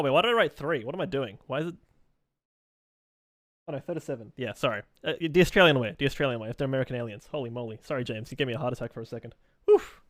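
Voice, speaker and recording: A man's voice: medium pitch, no room sound, clean studio sound. A young man live streaming while he draws, chatting loosely with viewers and reading out and answering their messages in a rambling way.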